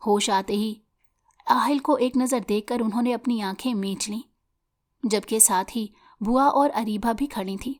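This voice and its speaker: A woman narrating a dramatic novel as scripted storytelling, steady and even. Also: a little high.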